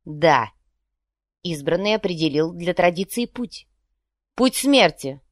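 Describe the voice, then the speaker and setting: A woman voicing an arrogant, fanatical man with mechanical hands in an audiobook, haughty and given to shouting. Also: lowish voice, animated, slow pace, no room sound, studio quality.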